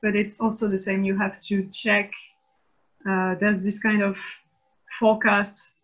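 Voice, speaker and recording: A woman's voice: mid-range voice, little pitch movement, unhurried, a bit bright. A woman from France, editor-in-chief, explaining her views at length in a casual online panel discussion. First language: French. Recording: dull lo-fi online call audio.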